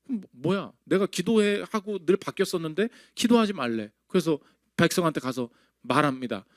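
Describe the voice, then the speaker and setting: A male pastor delivers a sermon in a voice pitched slightly high, with a very lively rise and fall. He acts out the quoted voices in animated bursts. The sound is dry and close, with little room echo. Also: fairly quick.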